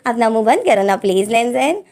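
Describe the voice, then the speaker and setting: A woman voicing a young man who scolds and urgently hushes his partner in a told fanfiction story. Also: a little high, big pitch swings, fairly quick. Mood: urgent scolding. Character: young man, bossy protective brother figure.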